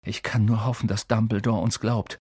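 A man narrating a storybook in a measured, expressive way. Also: lowish voice, husky, dry recording, clean studio sound. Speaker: audiobook narrator.

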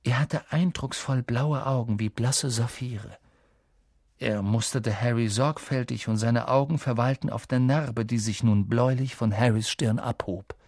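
A man reading an audiobook with steady storytelling narration and dramatic lifts. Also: medium pitch, measured pace, no echo, clean studio sound. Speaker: audiobook reader. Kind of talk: scripted narration.

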